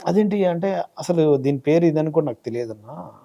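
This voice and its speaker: A rapid-fire male speaker from Telangana in his thirties, recounting his career in an animated way. His voice sits a little high for a man. He now and then acts out the voices of people he quotes. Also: creaky, highs cut off. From Telangana, India. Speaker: comedian and mimicry artist guest. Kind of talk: casual interview chat.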